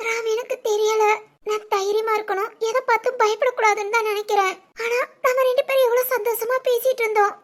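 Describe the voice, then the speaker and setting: A timid young village woman from a cartoon family drama. Her voice is strikingly high and thin, tearful and pleading. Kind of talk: animated cartoon voice acting.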